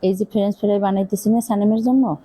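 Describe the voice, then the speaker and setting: This cooking vlogger from Bangladesh is a middle-aged woman who speaks Bengali with a Barishal accent. She talks fast in a steady, mellow, mid-range voice, rambling and confiding with many fillers while she cooks and chats casually.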